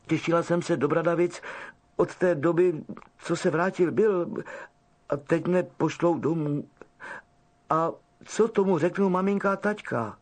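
A man's voice: a little high, long pauses, voice pushed up, natural voice. Ginny, a man doing a sobbing young girl. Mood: tearful pleading. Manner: sobbing, pleading, stammering. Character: frightened tearful young girl.

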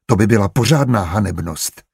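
A strict, anxious village wife from an audiobook, as a male narrator puts her on. She speaks sternly and breaks into frightened pleas, with a husky, slightly low timbre. The recording is dry and close. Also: lively intonation, a little mellow, no room sound, exaggerated voice. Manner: stern, rising to frightened cries. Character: strict worried farm wife, pregnant.

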